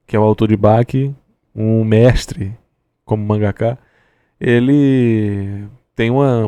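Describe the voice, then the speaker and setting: Sleepy Brazilian man with a smoker's rasp. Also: mid-range voice, mellow, dry recording. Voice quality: raspy smoker-like voice from tiredness. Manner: halting, frequent tag questions. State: sleepy, tired. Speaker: reaction video host. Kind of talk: casual off-the-cuff commentary.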